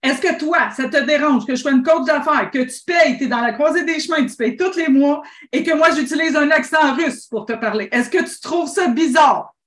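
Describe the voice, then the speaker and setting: Lively Québécoise coach, roomy sound. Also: female voice, high voice, moderate pace, hardly any pauses. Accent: Québécois French. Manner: animated, rambling, with many restarts. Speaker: business coach and host. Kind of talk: casual call-in coaching talk.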